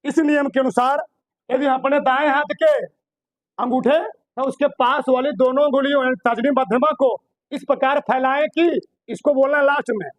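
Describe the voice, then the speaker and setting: A man with a very high voice teaches a physics class, repeating himself and firing questions at his students. His comes through on a dry, close recording. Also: steady tone, normal speed, no echo, poor audio. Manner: repetitive, quizzing students with questions. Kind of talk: classroom lecture.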